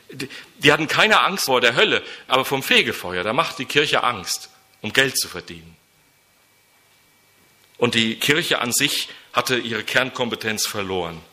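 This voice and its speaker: A man's voice: mid-range voice, pushed and bright. A middle-aged man preaching a sermon, emphatic, with repeated phrases and fervent peaks. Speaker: preacher and mission leader.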